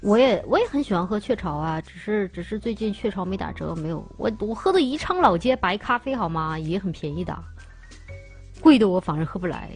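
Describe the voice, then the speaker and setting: A playful woman hosting a livestream. She teases her viewers and reads out their messages, and her pitch swings widely from high to low. Soft music plays faintly behind her. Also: very animated, a little fast. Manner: playful and teasing, stammers and restarts. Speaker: livestream host. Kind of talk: casual chat with viewers.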